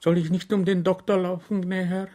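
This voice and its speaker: A man's voice: high voice, little pitch movement, a little fast, warm tone, voice pushed up, lightly acted. A man voicing a frightened older housekeeper woman who cries out in fretful exclamations. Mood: alarmed.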